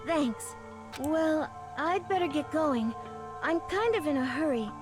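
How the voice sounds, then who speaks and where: A woman voicing a meek, gentle, flustered young student in a video game, speaking hesitantly. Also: high-pitched, lively intonation, slow pace. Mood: flustered, timid. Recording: game music under the voice.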